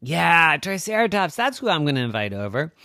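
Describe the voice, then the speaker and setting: Storybook kid dinosaur, high and eager; man doing the voice. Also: very animated, brisk, creaky, bright, forceful tone, no echo, clean studio sound, exaggerated voice. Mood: musing. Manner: eager, high-pitched, breathless chatter. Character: excitable young male stegosaurus.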